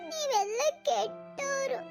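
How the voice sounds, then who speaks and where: Cartoon boy, small and tearful, very high voice, slow sobbing pleas. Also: vocal fry, over loud music, full character voice. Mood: tearful pleading. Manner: sobbing, drawn-out pleading. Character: little boy crying for his mother. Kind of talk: cartoon voice acting.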